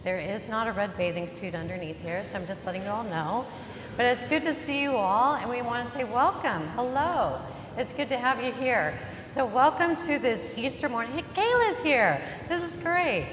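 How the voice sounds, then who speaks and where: A woman's voice: a little high, lively intonation, moderate pace, slight background noise. Joking woman pastor in a reverberant church. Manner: chatty, joking, warm welcomes to the congregation. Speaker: interim pastor. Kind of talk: Easter sermon. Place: church sanctuary. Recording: reverberant church hall, faint ambience.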